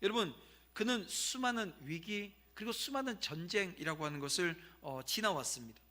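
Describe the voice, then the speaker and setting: A man's voice: high voice, animated, normal speed, pushed and bright. A man in his fifties, a pastor delivering a Sunday sermon to his congregation, telling a story in a conversational way and turning to speak to the listeners. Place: church sanctuary.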